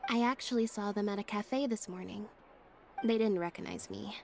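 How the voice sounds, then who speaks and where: An actress voicing a quiet, composed young woman in a game, speaking softly. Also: medium pitch, moderate pace, vocal fry, faint music behind, natural voice. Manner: calm, soft, reserved delivery.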